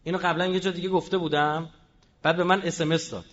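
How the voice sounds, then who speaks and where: A man giving a combative public speech, firing rhetorical questions and swinging between loud and quiet. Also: fairly high pitch, steady tone, in a large hall, dull audio. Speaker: public speaker.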